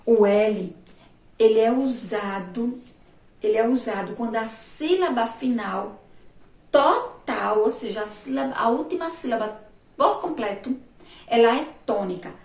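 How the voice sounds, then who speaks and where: A woman teacher from Brazil giving a remote lesson for young children, patiently repeating words slowly, syllable by syllable. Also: on the high side, a little mellow. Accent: Sergipe Brazilian Portuguese. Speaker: primary school teacher. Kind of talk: remote class lesson at a board. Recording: echoey room, recorded from a distance.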